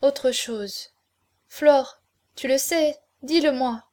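A woman's voice: sits high, very slow, darkish tone. A woman reading aloud, voicing an anguished, proud young woman with an intense manner in an audiobook. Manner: intense, pleading then haughty.

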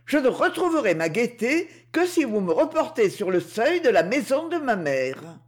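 A woman's voice: a little high, big pitch swings, normal speed, pitched above the performer's own voice. A woman reading an audiobook, voicing a frightened young girl goddess who pleads through sobs. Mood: desperate. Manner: sobbing, desperate pleading.

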